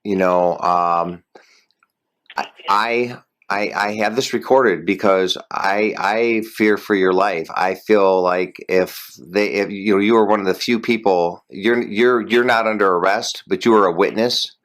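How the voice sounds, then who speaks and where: A man's voice: fairly low pitch, steady tone, unhurried, a bit bright. A man interviewing a witness, asking hesitant, stumbling questions. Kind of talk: phone interview.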